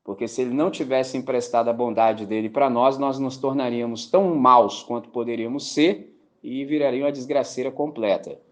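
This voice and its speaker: Speaking a little fast in a mid-range voice, this man delivers a sermon as a pastor. His Brazilian Portuguese accent comes through as he talks informally, brings stories alive by imitating voices, and keeps checking "entendeu?".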